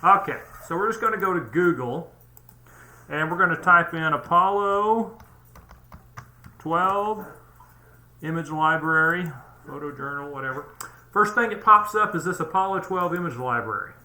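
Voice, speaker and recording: A man hosting his own channel, presenting a tongue-in-cheek conspiracy case in a halting, mock-earnest way with lots of fillers. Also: on the high side, expressive, pushed and bright, reverberant. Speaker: channel host.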